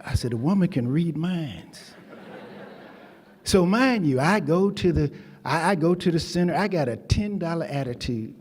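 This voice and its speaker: A man's voice: a little high, animated, moderate pace, darkish tone. An older man, originally from Texas, giving an emphatic, folksy commencement speech to graduates at a convocation ceremony, speaking at a podium microphone. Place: ceremony hall. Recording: long hall reverb.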